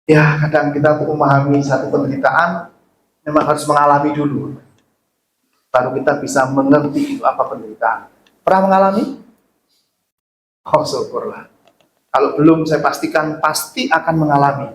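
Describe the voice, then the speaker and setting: A man's voice: a little high, normal speed, long pauses, a little hiss or hum. A man preaching a sermon as pastor, joking and putting questions to his congregation. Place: church hall. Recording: echoey church hall.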